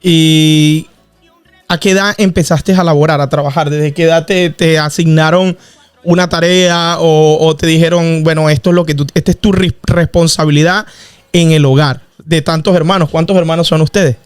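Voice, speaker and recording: A man's voice: on the high side, steady tone, normal speed, clean tone, no echo, soft background music. A man hosting a podcast, questioning his father in a friendly, prodding way with many fillers. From Venezuela. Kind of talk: casual podcast interview.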